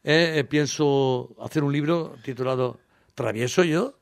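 A man's voice: medium pitch, a little slow, creaky, clear, resonant tone, no room sound, studio quality. A Spanish man in his sixties from Valencia, a singer telling childhood stories in an interview, rambling and laughing as he acts out voices. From Valencia, Spain.

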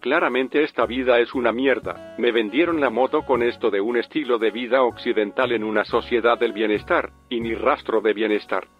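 A man voicing a gloomy caller in his sixties through a metallic, robotic-sounding voice, complaining in a flat, bitter deadpan. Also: mid-range voice, normal speed, few pauses, highs cut off, soft background music. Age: 60s. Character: gloomy hopeless older male radio caller.

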